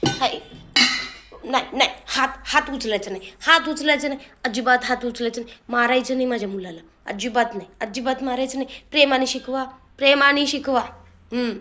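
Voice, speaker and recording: High-voiced mother scolding. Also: a little fast. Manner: scolding husband, coaxing child gently. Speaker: mother in a comedy skit. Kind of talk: scripted comedy skit.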